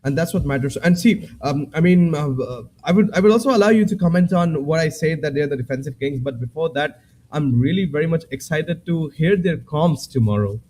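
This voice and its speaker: A man's voice: a little high, lively intonation, a little fast, darkish tone, slight background noise, low-quality recording. A man, casting an esports match, talking hesitantly with many fillers and restarts. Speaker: esports caster. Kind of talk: esports post-match analysis.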